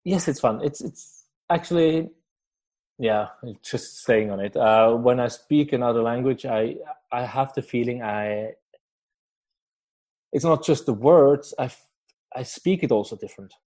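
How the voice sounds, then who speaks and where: This podcast host from Switzerland, who isn't an English speaker, keeps his interview casual, with plenty of fillers, restarts and laughter. He speaks in a mid-range, darkish voice at an unhurried pace.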